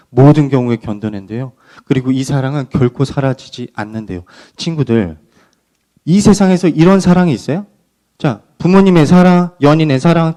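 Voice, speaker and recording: A man preaching a youth sermon in a church, asking his teenage listeners questions and calling them friends. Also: a little high. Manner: lively, questioning, addresses kids as friends. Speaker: youth pastor. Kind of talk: sermon to middle schoolers. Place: church sanctuary.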